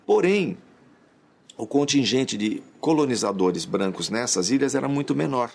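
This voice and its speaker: A man's voice: mid-range voice, lively intonation, normal speed, creaky, a little hiss or hum. A man explaining history in an interview, in a conversational teaching manner.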